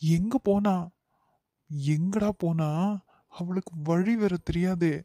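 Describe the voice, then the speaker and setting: A man's voice: sits high, steady tone, takes it slowly, dark tone, dry recording, studio quality. A man voicing an indignant young male friend in a cartoon who scolds and questions, with a Kanyakumari Tamil accent. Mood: scolding. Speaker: cartoon character.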